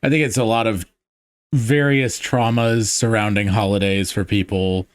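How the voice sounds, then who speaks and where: A man hosts a casual group podcast chat at a moderate pace, his voice fairly low and steady, with a crowd audible in the background. He speaks hesitantly, with many fillers and restarts.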